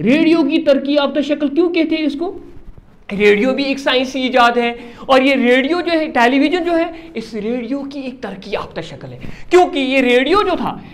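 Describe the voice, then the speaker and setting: A male teacher giving a classroom lesson, repeating key words, quizzing his pupils and praising them often. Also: extremely high pitch.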